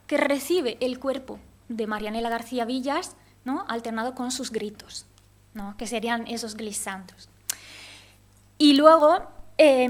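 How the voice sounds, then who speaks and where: A woman's voice: on the high side, a bit bright. A young woman giving an academic conference talk, explaining a piece of music, counting beats aloud and often asking "¿no?". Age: young adult. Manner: explanatory, often tags phrases with a questioning "¿no?". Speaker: conference presenter.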